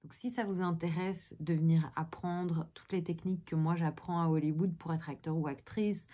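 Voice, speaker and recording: A woman's voice: on the low side, fairly even intonation, moderate pace, warm tone. A woman with a Belgian French accent, an actress chatting casually through a day-in-the-life vlog in a loose, rambling way. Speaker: actress and vlogger.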